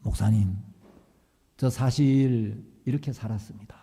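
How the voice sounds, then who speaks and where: A man acting out a meek, ashamed young male mission student who speaks low and hushed. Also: unhurried, husky, big-room sound. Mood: meek humble.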